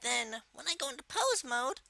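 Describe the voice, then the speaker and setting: A person voicing a bratty male cartoon Koopa creature, giving a casual, unscripted software tutorial in a halting, self-correcting way. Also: sits high, very animated, gravelly, no room sound, full character voice. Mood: explaining, halting. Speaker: tutorial host.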